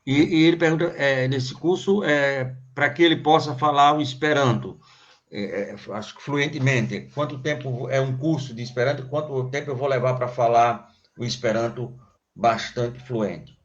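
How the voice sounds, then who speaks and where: A man's voice: mid-range voice, moderate pace, dull audio. A man with a Brazilian Portuguese accent, a radio host who reads out listener questions with many fillers and apologies.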